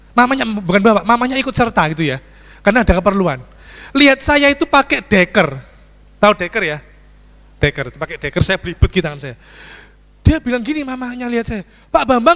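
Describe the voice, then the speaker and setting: A man preaching a storytelling sermon as a pastor, acting out screams and dialogue for his congregation. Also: high-pitched. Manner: animated, acts out screams and dialogue, addresses congregation as "saudaraku". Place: church sanctuary. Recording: church hall reverb.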